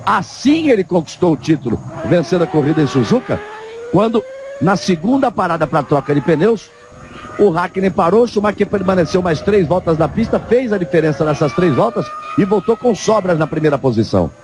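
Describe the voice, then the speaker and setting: A Brazilian-accented man calls a motorsport race on live television, his high-sitting voice very animated and fairly quick. Loud engine noise roars behind his commentary.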